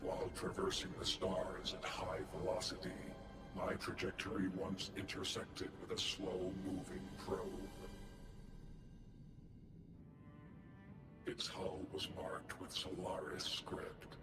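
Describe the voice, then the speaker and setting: A man acts as a video game's solemn giant guardian mech, dutiful and gradually learning feeling, using formal robotic phrasing and clipped one-word headers ahead of each statement. His low voice is monotone and measured, formal and resolute. A cavernous echo surrounds him, with game music underneath.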